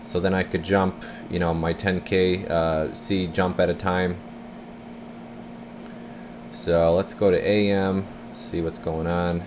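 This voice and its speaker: Background noise fills this clip of a channel host showing off a CB radio, chatting casually and off the cuff in a laid-back, rambling way. The man speaks slowly in a low-pitched voice with a level tone.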